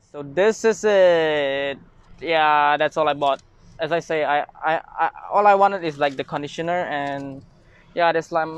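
Young man, Malaysian English accent, casual haul vlog in a parked car, phone held close, clear slightly high voice. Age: young adult. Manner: rambling, self-mocking, lots of fillers and restarts. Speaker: vlogger. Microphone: phone camera held close.

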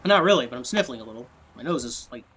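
A man's voice: medium pitch, expressive, quick pace, bright, forceful tone, a little hiss or hum. A man with a stuffy, sniffly nose, muttering to himself and rambling in puzzlement as he hosts casual let's-play commentary at a desk microphone. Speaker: gameplay video host.

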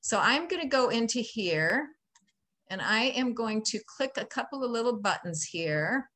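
A woman's voice: on the high side, big pitch swings, measured pace, sharp tone. A woman in her sixties, a beekeeper giving a webinar presentation over a video call from home, chatty and folksy, with many ums. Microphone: laptop webcam mic on a video call.

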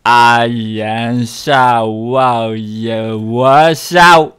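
A young man mimicking backwards speech in slow, drawn-out nonsense syllables. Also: mid-range voice, steady tone, fairly bright tone, clear, resonant tone. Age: young adult. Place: small furnished room, indoors.

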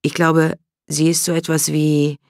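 A man voicing a blunt young demon hunter, speaking in low, wary tones. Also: completely flat delivery, a little slow, vocal fry, no echo, studio quality.

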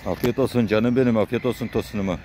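A man outdoors, calling and coaxing street animals in a soft, high, pleading voice while he feeds them. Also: fairly even intonation, fast, slight background noise.

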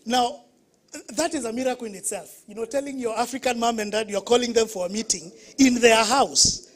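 A woman pastor with a Kenyan accent preaches from the front of a church. She mixes stories with questions to the congregation and keeps her delivery lively. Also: a little high, a little fast. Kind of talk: sermon.

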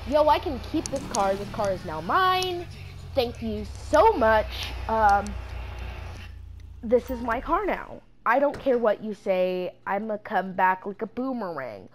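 A woman's voice: fairly high pitch, sing-song, unhurried, a little hiss or hum. A woman hosting a gaming channel, giving goofy, playful let's-play commentary and talking to herself as she plays. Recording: game sounds loud behind the voice. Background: video game sounds and vehicles.

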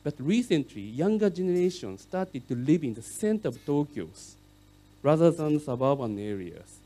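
A middle-aged man whose first language is Japanese gives a conference keynote lecture in English, speaking haltingly with many fillers. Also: mid-range voice, mellow. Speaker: keynote speaker on urban rail.

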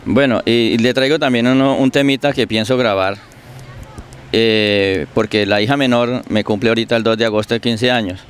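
Outdoors in a park, a middle-aged musician with a Colombian accent gives relaxed answers into the host's handheld microphone. His medium-pitched voice is clear and resonant, with fairly even intonation at a moderate pace.

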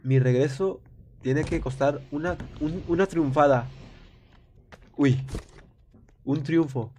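A young man commentates his live game stream, rambling and excitable as he reads the chat. His voice sounds stuffy from a cold. A faint hiss and clicks sit behind him. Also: on the high side, slow. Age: young adult. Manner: rambling, excitable, talks to viewers while playing. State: congested with a cold.

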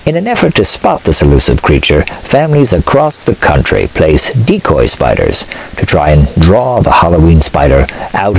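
Male narrator, very low husky voice, deadpan mock-documentary read with a lively, rolling pitch. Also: poor audio. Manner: solemn, deadpan documentary delivery.

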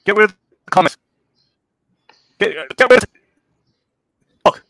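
High, sharp man on glitchy, cutting-out audio. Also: a little slow, dry recording, clean studio sound. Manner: crude, insistent and excitable. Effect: choppy, glitchy audio cutting out over a bad internet connection. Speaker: livestream co-host. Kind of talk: casual livestream banter. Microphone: remote call connection.

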